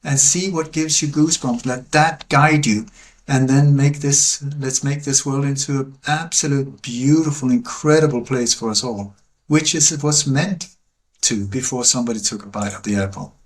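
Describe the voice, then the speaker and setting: A man's voice: medium pitch, moderate pace. A man speaking as a guest in a podcast interview, earnest and emphatic, sliding into a preaching cadence. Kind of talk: conversational interview.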